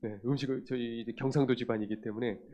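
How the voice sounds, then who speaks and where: A middle-aged man from Korea's region, a pastor, preaching a sermon through personal storytelling that swings between loud and hushed. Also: medium pitch, fairly even intonation, fast talker. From Gyeongsang region, South Korea.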